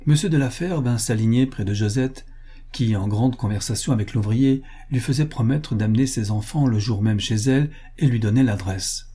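A man narrating a classic novel as an audiobook in a measured, even reading voice. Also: medium pitch, husky. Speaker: audiobook reader.

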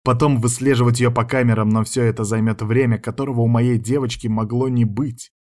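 A man narrating a first-person audiobook in an even, measured voice. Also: medium pitch.

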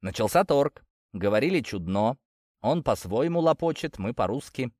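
Lively male audiobook narrator. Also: moderate pace, no echo, clean studio sound. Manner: lively, shifts pitch for dialogue.

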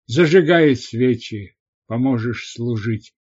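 A man's voice: mid-range voice, takes it slowly, darkish tone, breathy edge, muffled recording. A man voicing a stern old male priest, a former soldier, speaking curtly and commandingly. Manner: curt, commanding.

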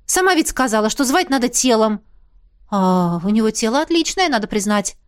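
A woman voicing an impulsive young woman necromancer who speaks in a quick-tempered, emphatic, exclaiming way. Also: on the high side, lively intonation, clear, resonant tone, close to an everyday voice. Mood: exasperated. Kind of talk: audiobook character reading.

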